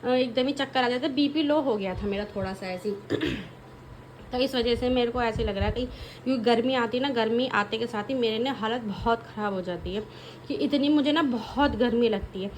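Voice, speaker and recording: A woman's voice: normal speed, slight background noise, poor audio. A young woman vlogging casually at home, talking in a rambling, chatty way to her viewers. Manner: chatty, rambling, switches to high baby talk with her toddler. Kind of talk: casual home vlog chat.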